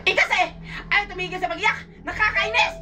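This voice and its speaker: A woman voicing a sinister female aswang posing as a maid, gruff, impatient and sneering. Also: very high voice, expressive, a little fast, roomy sound, far from the mic, pitched below the performer's own voice. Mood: irritated. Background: music.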